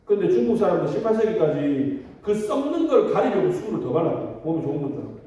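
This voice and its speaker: A man's voice: a little high, big pitch swings, fast talker, warm tone. A man who is a youth pastor, giving a casual, chatty sermon and teasing the children with direct questions. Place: church hall. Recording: distant, echoey, dull hall recording.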